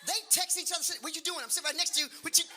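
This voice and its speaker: A man in his late fifties doing stand-up comedy, loud and animated, repeating his punchlines and talking to the crowd. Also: extremely high pitch, very fast, over loud music. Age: 50s. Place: comedy stage with a laughing audience. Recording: live show audio with audience noise.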